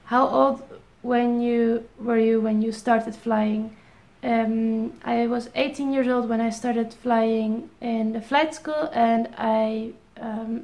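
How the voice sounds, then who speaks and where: In a casual Q&A vlog, a Dutch-accented airline pilot in her twenties reads out questions from viewers and responds with ums and restarts. She speaks slowly in a slightly high, creaky, somewhat mellow voice with fairly even intonation, recorded in a roomy space.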